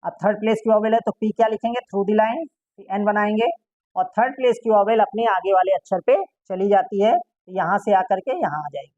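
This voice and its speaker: A woman's voice: mid-range voice, a little fast, a little mellow, no room sound, dull audio. Woman teaching, asking and answering herself. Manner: asks questions and answers them herself. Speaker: shorthand teacher. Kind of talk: classroom lesson explaining.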